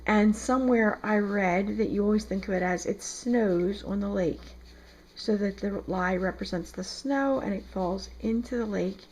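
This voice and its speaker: Speaking with a medium-pitched, darkish voice at a normal pace, a soap maker walks through a recipe in her second-floor home kitchen. She has a South Jersey accent and keeps the tutorial casual, with frequent ums.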